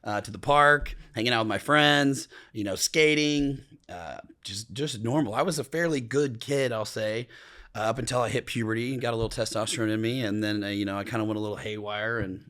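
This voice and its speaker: A man from Oklahoma telling his life story as a podcast guest in a relaxed, rambling way, full of fillers. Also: fairly low pitch, a little fast. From Oklahoma, USA. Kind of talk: casual storytelling interview.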